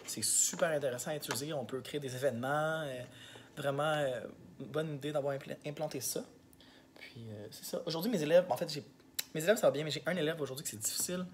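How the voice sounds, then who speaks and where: A man's voice: on the high side, quick pace, slight background noise. A male schoolteacher with a Québécois French accent, talking casually and candidly in a vlog diary, full of fillers. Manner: candid, rambling, heavy on fillers. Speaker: elementary school teacher.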